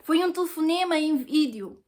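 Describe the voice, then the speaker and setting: High-voiced European Portuguese woman testifying. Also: lively intonation, moderate pace, a little mellow. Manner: earnest, emotional storytelling. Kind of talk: personal testimony.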